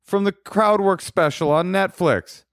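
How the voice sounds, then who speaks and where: An American man co-hosting a podcast in casual comic banter, with an animated, teasing way of talking. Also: high voice, unhurried, no echo, clean studio sound. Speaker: podcast co-host.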